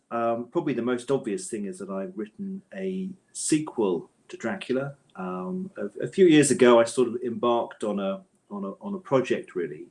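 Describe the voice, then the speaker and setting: The fairly low, darkish voice of a middle-aged man comes through as he is interviewed about his work as an author and audio drama scriptwriter. He is conversational, thoughtful and hesitant, often rephrasing mid-thought.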